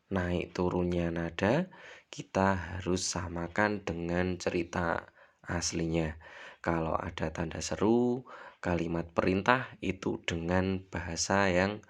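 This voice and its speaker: A male primary school teacher, giving a recorded lesson to children, patient and repetitive, often ending phrases with a questioning "ya". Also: sits low. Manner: patient, repeats points, tags sentences with "ya"; demonstrates intonation with example sentences.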